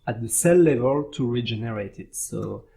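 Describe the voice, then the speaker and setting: A man speaking earnestly as a podcast guest in casual chat, often pausing to search for words. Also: medium pitch, animated, vocal fry, warm tone.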